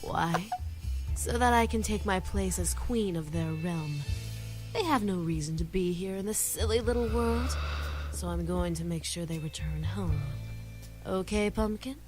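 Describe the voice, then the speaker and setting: A woman's voice: lowish voice, unhurried, over music, natural voice. A woman voicing a haughty, menacing female demon who talks down with a purring, mocking manner, in a game. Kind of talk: visual novel voice acting.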